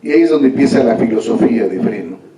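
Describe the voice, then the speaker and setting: A man's voice: mid-range voice, animated, quick pace, crowd noise. A man, an author telling a story aloud to an audience in a conversational way, often tagging lines with a questioning "no?". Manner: conversational, with frequent "¿no?" tags. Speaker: author presenting his book. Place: large formal hall. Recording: echoey hall from far off.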